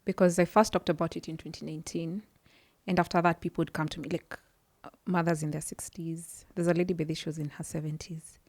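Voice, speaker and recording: Her low, slightly mellow voice runs at a quick pace with a flat delivery, recorded dry. This podcast guest, a psychology worker, earnestly gives personal testimony in an interview. She often fumbles for words and begins her sentences again.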